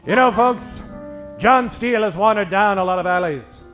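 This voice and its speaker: With music underneath, a bright, high-pitched male narrator hams up a mock 1940s radio detective story. His delivery is melodramatic and theatrical, and he stretches every punchline out.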